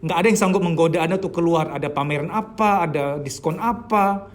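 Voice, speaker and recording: A man who works as a therapist, giving a lively, casual seminar lecture and speaking straight to his listeners. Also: a little high, fairly quick, faint music behind. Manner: animated, acts out quoted thoughts in a raised voice; casual, conversational, addresses listeners directly.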